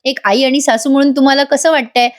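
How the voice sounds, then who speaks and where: A woman's voice: high voice, steady tone, fast, voice pushed up, lightly acted. A woman voicing a pushy female reporter who asks prying, mocking questions.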